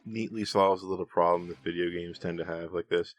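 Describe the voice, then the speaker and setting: A man's voice: deep voice, fairly even intonation, a little fast. A man chatting casually and jokily as he co-commentates a video game playthrough, rambling through his riffs. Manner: rambling, jokey riffing. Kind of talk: casual joking chat over a video game.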